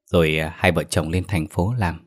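A man's voice: low-pitched, fairly even intonation, moderate pace. A man voicing an earnest young man just back from the city, plain-spoken.

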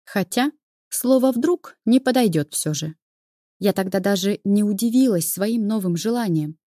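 A woman's voice: mid-range voice, warm tone, no room sound, clean studio sound. A woman reading a novel aloud as its first-person narrator, telling the story expressively. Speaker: audiobook narrator.

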